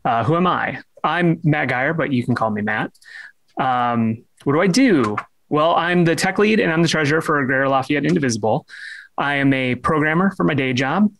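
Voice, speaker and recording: A young man leads a casual online talk from his computer, his voice sitting a touch high. He hesitates, restarts his sentences and fills pauses with "uh" and "like". Now and then he slips in a dry joke at his own expense. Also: expressive, gravelly, a bit bright. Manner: halting, many fillers and restarts; self-deprecating humor. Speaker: presenter.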